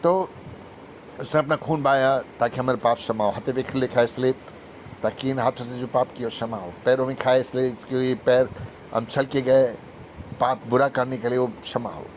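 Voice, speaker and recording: A man preaching a fervent testimony sermon, talking fast and emphatically, with faint traffic noise behind. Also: mid-range voice, level tone. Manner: fast-talking, emphatic, breaks into sung hymn.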